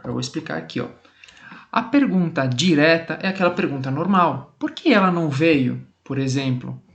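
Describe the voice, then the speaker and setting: A male Portuguese teacher with a Brazilian accent explains grammar rules to the camera. He reads out example sentences with added stress and keeps checking in with "tá bom?". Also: fairly high pitch.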